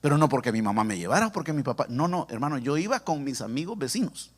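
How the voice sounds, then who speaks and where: A man's voice: mid-range voice, fast. A man from El Salvador with a Salvadoran accent, a pastor preaching and telling his own story to the congregation with humor. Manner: humorous, animated, addresses the congregation directly. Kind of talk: sermon with personal testimony. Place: church sanctuary.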